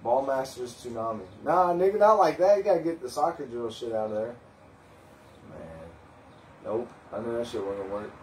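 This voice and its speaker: A man chatting casually and excitably in slang while watching cartoons with a friend. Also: medium pitch, brisk, a little hiss or hum. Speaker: host. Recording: distant mic with music playing.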